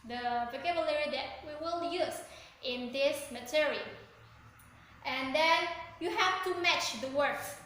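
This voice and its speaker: Woman, Indonesian accent, English teacher, bilingual classroom talk, bright voice, echoing room, faint noise. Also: sits high, takes it slowly. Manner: asks questions and praises imagined students. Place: empty classroom.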